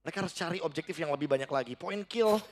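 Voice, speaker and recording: A man's voice: on the high side, animated, quick pace, over music. A man giving conversational, analytical esports commentary, explaining strategy as the match runs.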